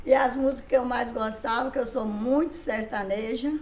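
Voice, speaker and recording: In a relaxed interview, this older writer and songwriter brings her stories to life by performing past exchanges. She speaks at a normal speed with a fairly high voice, in an echoey room with a bit of hiss or hum.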